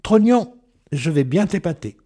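Brief: man voicing a proud, chattering young wife, high and teasing, stage comedy reading. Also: big pitch swings, moderate pace, dark tone.

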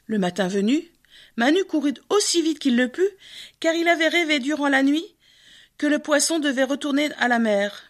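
A woman reading a fairy tale aloud as a storyteller, measured and expressive. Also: sits high. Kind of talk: scripted narration of a fairy tale.

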